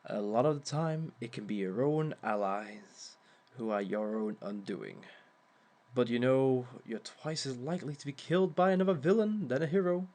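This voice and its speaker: In an audio roleplay, a man voices a sly, theatrical villain running a dating seminar, lecturing smugly with chuckling asides. His voice is mid-range and darkish at a moderate pace, close to how he'd normally talk.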